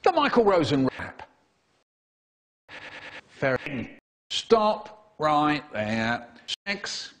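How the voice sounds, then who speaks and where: Highly animated male storyteller. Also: very slow, pauses often. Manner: very expressive, with sound-effect noises and voices. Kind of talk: animated comic story reading.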